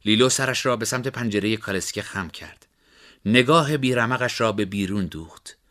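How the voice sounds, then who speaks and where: A man narrating a story in a steady, measured way. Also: lowish voice.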